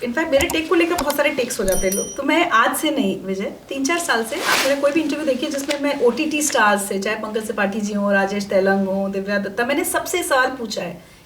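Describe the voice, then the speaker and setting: A middle-aged woman, an interview guest, telling her stories with animated emphasis in a conversational interview. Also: a little high, fairly quick, roomy sound, background noise. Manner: animated, emphatic storytelling, acts out quoted voices. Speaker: interview guest, media personality.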